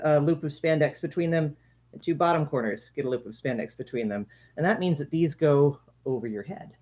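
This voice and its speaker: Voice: medium pitch, dark tone. A livestream host giving a casual product demonstration in a conversational, explanatory way, speaking to viewers. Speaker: livestream host demonstrating handmade face masks. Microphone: shared microphone, sometimes turned away from it. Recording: dull lo-fi livestream audio.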